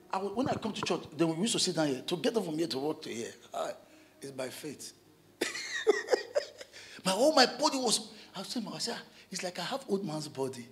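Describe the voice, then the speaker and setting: A pastor delivers an animated sermon in church. His bright, forceful voice sits high. Soft music plays faintly behind him. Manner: animated preaching with sudden shouts and chuckles.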